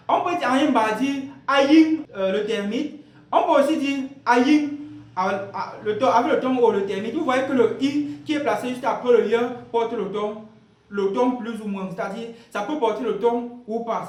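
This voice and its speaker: High-voiced man teaching a language lesson. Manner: patient, repetitive explaining with rhetorical questions. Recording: roomy echo.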